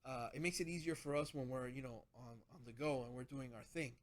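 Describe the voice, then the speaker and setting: A man's voice: medium pitch, fairly even intonation, a little fast. A man hosting a casual gadget vlog, rambling with lots of restarts as he explains his setup. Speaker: channel host.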